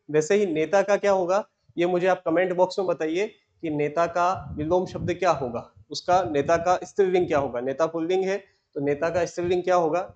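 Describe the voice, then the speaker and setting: A man teaching Hindi grammar, slowly dictating words and repeating each one as a question and answer. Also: high-pitched, lo-fi sound. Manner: repetitive, asks and answers himself, slow dictation. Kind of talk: classroom lesson dictating words.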